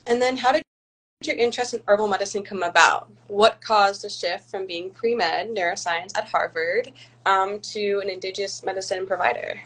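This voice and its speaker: A woman's voice: medium pitch, normal speed, fairly bright tone, rough recording. A young woman in her twenties, a pharmacy student interviewing a guest, eager and tripping over her words at times. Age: 20s. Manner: eager, stumbling restarts. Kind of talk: asking interview questions.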